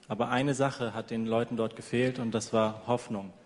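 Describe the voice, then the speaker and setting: In a large, echoing church hall, a man interprets a sermon live, relaying it passage by passage. He speaks at medium pitch with a steady tone and moderate pace, and the recording has a long hall reverb.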